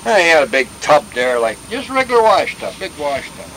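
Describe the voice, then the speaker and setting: An older veteran telling war stories in a rambling, folksy way, full of restarts and sound effects. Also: male voice, a little high, big pitch swings, normal speed, pushed and bright, slight background noise, low-quality recording. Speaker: veteran interviewee. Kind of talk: oral history war reminiscence.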